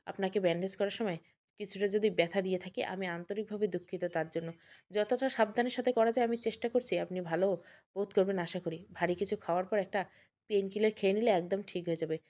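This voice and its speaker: A woman voicing a gentle, polite foreign young wife who speaks softly and a little haltingly. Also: mid-range voice, fairly even intonation, natural voice. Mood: apologetic. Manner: soft, polite, apologetic, slightly halting.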